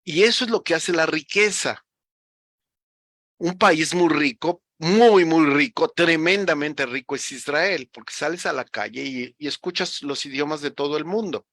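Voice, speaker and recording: A man's voice: on the high side, unhurried, a bit bright, no echo. A man from Mexico, explaining ideas in a reflective, teacherly way with frequent restarts. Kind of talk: conversational explanation.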